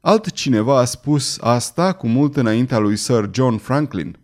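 A man's voice: medium pitch, animated, natural voice. A man reading an audiobook, voicing a hearty, teasing male sea captain.

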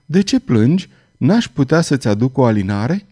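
A man voicing a gentle woman lost in madness, speaking softly with pity and tenderness. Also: medium pitch, very animated. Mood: tender. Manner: soft, tender, pitying.

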